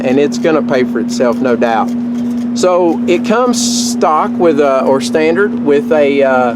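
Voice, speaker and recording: A man casually explaining a homemade chicken-watering project outdoors by a coop, relaxed and rambling with lots of fillers. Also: mid-range voice. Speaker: homesteader showing a DIY build. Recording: outdoor noise, distant mic.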